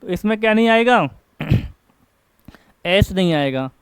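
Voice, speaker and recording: A man teaching an English grammar class, asking questions and answering them himself and reading example sentences slowly. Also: high voice, lively intonation, clear, resonant tone, no echo. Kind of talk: classroom lecture. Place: coaching class.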